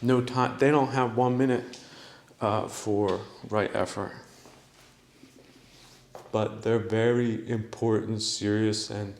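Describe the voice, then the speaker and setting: A man's voice: lowish voice, steady tone, slow pace, long pauses, darkish tone, reverberant. A man hosting a podcast, giving a mocking, preachy spiritual monologue that he breaks up with laughs. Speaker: podcast host.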